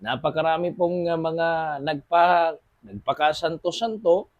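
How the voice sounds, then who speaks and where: A man's voice: a little high, a little slow, dry recording, narrow, tinny audio. A man with a Filipino accent giving casual news commentary as a show host, constantly addressing his audience and using many fillers.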